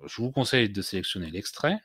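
A man hosting a screen-recorded software tutorial, explaining step by step with many hesitations and restarts. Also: fairly low pitch, lively intonation, fast talker, husky, dry recording, studio quality. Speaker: tutorial host.

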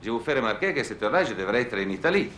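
Un acteur jouant un expert en assurance ironique et agacé, au ton taquin, dans une série télé. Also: male voice, mid-range voice, big pitch swings, rapid-fire, fairly bright tone, slight background noise. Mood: dry. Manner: exasperated, bantering. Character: wry middle-aged male insurance investigator. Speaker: insurance expert. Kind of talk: 1980s TV series acting.

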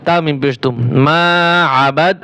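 A man teaching Quran reading, spelling out letters and vowel marks one by one, then chanting each verse in long drawn-out tones. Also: fairly high pitch, fairly bright tone.

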